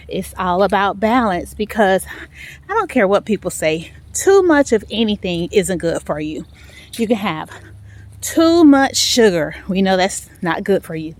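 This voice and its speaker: A woman vlogging on foot in a residential area motivates her followers in an easygoing way, leaning on repetition for emphasis; her pitch is fairly high and a touch mellow. Traffic passes in the background of an otherwise clear outdoor recording.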